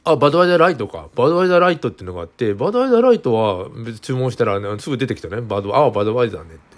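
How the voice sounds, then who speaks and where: A man's voice: mid-range voice, sing-song, very fast. Older guy doing a solo podcast chat, lots of "uh" and "um", voice swings up and down a lot, chuckles now and then. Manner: rambling, many hesitant fillers. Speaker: podcast host. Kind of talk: casual solo talk.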